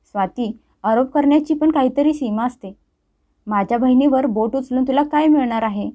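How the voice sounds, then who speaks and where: A woman's voice: high-pitched, moderate pace, dark tone, lightly acted. A woman voicing a stubborn young husband who speaks harshly and scolds, in a story reading with a dull sound. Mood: stern.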